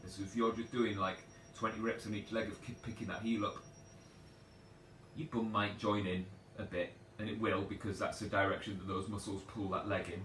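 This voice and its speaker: Rambling trainer, echoey room. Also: male voice, lowish voice, little pitch movement, moderate pace, pushed and bright. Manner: rambling, chatty and self-deprecating. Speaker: personal trainer. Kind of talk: casual live Q&A advice. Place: at home on a sofa. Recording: echoey room, distant from mic, faint background noise.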